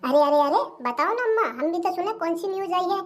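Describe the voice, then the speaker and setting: Bossy sly young bahu, as a voice actor puts her on, high voice, cartoon comedy. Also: expressive, quick pace. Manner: bossy and sly, talks back. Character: sharp-tongued young daughter-in-law, scheming.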